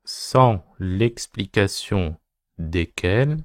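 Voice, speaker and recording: Male teacher dictating: lowish voice, very slow phrase-by-phrase delivery, punctuation read out. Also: lively intonation, no room sound. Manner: dictating slowly phrase by phrase, punctuation spoken aloud. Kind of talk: dictation reading, repeated short phrases.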